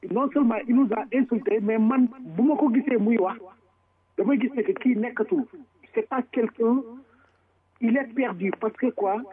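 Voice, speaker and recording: A man's voice: very high-pitched, moderate pace. Emphatic Senegalese man on a tinny line. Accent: Senegalese French. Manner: switches between Wolof and French mid-sentence; forceful and emphatic, repeating words. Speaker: commentator. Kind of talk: political commentary. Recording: tinny phone-line sound.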